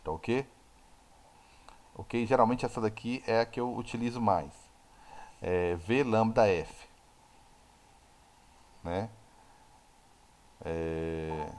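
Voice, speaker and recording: Lively Brazilian physics teacher on a video call. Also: male voice, mid-range voice. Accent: Brazilian Portuguese. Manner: lively explaining, swings from soft to loud, asks and answers his own questions. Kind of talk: live online class.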